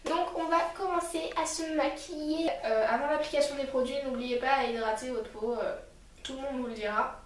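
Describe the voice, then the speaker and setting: A woman's voice: high-pitched, fairly quick, echoey room, a little hiss or hum, rough recording. A woman beauty vlogger reviewing a makeup kit in a rambling, chatty way, talking straight to her viewers. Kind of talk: casual makeup review and tutorial.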